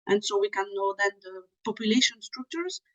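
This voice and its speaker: A young woman from Switzerland, a PhD student, giving methodical explanatory interview answers with frequent small pauses. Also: mid-range voice, expressive, fairly bright tone, rough recording.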